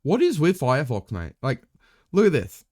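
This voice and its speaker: A man's voice: mid-range voice, wildly swooping pitch, moderate pace, darkish tone, dry recording, studio quality. A young man live-streaming a game, chatting casually in a rambling way, swearing freely, with wry asides to his viewers.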